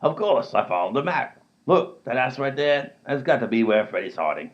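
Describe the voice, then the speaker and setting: Voicing a blustering, dim robber who bumbles through a comedy radio play full of self-assurance, this man sounds very animated. His voice is mid-range and natural, at a normal speed, recorded in dull lo-fi.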